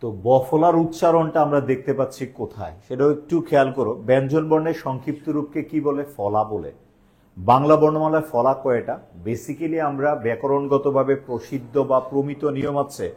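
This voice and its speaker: A young man with a Bangladeshi Bengali accent teaches an admission-exam grammar class online. He keeps asking the viewers questions and then answers them himself, repeating key words. His voice sits at an ordinary middle pitch for a man. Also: darkish tone.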